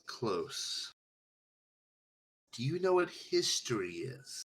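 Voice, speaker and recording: A man's voice: mid-range voice, sing-song, extremely slow, a bit bright, exaggerated voice. A man voicing an exasperated, foul-mouthed little gnome girl who talks down as if to a child, on a clipping mic. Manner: blunt, condescending, simplifying as if for a child.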